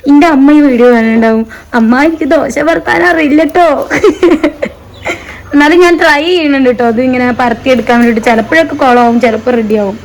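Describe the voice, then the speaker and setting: A woman's voice: high voice, brisk. A young woman chatting casually through a home cooking vlog in her kitchen, rambling and laughing often, recorded on a phone. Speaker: vlogger. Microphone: phone camera.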